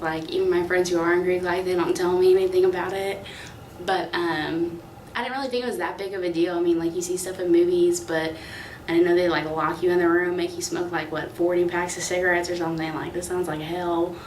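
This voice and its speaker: A woman in her twenties chats casually, leaning on "like" as she answers. Her voice sits somewhat low, and she is picked up from a distance. The room around her is echoey, with faint noise behind. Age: 20s. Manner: casual, full of "like" fillers. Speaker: student interviewee.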